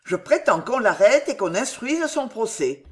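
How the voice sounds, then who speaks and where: Reader doing a loud growly angry young king, bossy, pitch all over. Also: very animated, unhurried. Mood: furious. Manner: commanding, growling.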